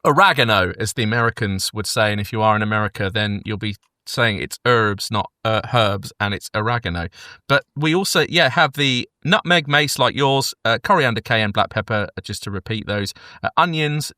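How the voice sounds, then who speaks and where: A man's voice: on the low side, brisk, bright, forceful tone, dry recording, studio quality. A man co-hosting a podcast, playfully joking while reading ingredient lists aloud in casual chat. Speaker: podcast co-host. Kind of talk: casual food review chat.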